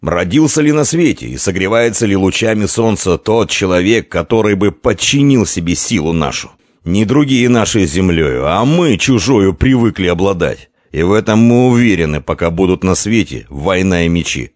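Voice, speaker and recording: A man's voice: low-pitched, lively intonation, moderate pace, a little mellow, no echo, studio quality. A man reading an audiobook and voicing a proud, hot-tempered Slavic prince who bellows defiance. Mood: defiant.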